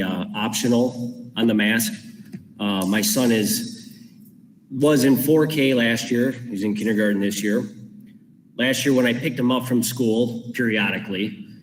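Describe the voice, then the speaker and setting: Man parent at a board meeting, slow and halting, heard from off the mic, roomy hall echo. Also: mid-range voice. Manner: halting, many fillers, plainspoken. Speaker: parent speaking at public comment. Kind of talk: public comment at a school board meeting. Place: school board meeting room. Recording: roomy hall, distant mic, faint noise.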